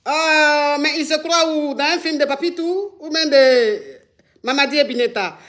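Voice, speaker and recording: A woman with a very high voice, talking casually into a phone on a live stream. She is chatty, repeats herself a lot and keeps calling her viewers by affectionate names. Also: a little slow, a bit bright. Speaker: live-stream host taking calls. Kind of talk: casual live-stream chat and product promotion. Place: Dubai.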